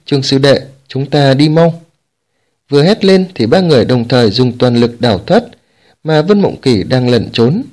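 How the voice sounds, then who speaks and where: A man's voice: medium pitch, a little mellow. Man narrating a fantasy audiobook. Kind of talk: scripted narration of a fantasy novel.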